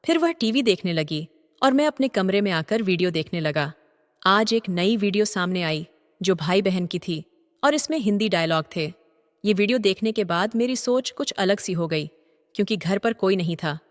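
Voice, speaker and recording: An older man narrating a story in a steady, even reading voice. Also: sits high, normal speed. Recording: long reverb.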